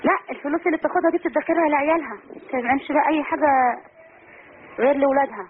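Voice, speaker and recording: High-voiced Egyptian woman on the phone. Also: racing. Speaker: caller to a religious programme. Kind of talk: colloquial explanation of a personal problem. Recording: narrow hissy telephone line.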